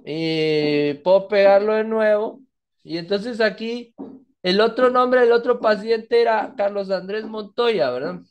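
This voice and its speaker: A man's voice: high voice, a little slow, clean tone. A man teaching a database lesson over a screen recording, walking through each step and often checking in with "¿verdad?". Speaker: database instructor. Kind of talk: screen-recorded coding tutorial.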